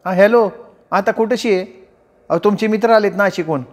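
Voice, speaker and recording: A man voicing a warm, hospitable young farmer's wife who talks in rustic village speech. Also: medium pitch, moderate pace, big-room sound, voice pushed up, close to an everyday voice. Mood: chatty on phone.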